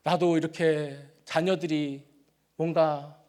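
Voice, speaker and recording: A middle-aged male pastor giving a sermon in a church, telling stories about his own family in a conversational, self-deprecating way, rising to loud emphatic peaks and dropping to soft, confiding murmurs. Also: a little high, flat delivery, takes it slowly. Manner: swings between loud emphatic build-ups and soft, quiet confiding. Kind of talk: sermon with personal storytelling. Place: church sanctuary.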